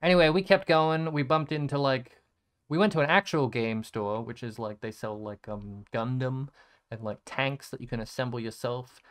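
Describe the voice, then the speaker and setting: A man's voice: mid-range voice, moderate pace, fairly bright tone, smooth. A young man telling a rambling, sarcastic story in a casual chat, swearing freely as he looks through his photos. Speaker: content creator.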